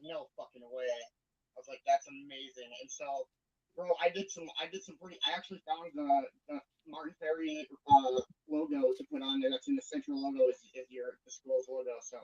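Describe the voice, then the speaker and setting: A man's voice: fairly high pitch, a bit bright. A man chatting casually on a voice call with a faulty mic that makes him sound hollow and muffled, like he is in a wind tunnel, rambling with lots of restarts. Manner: rambling, full of "kinda" and restarts. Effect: muffled hollow mic, like talking in a wind tunnel. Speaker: show regular. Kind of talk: casual online chat. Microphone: faulty computer mic on a voice call. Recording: dull muffled call audio.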